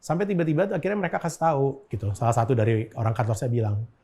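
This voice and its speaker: A man's voice: medium pitch, big pitch swings, very fast, mellow, husky. A man, a guest in an interview, telling a personal story in casual chat, with frequent filler words. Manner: storytelling with frequent 'gitu' fillers and acted-out quotes.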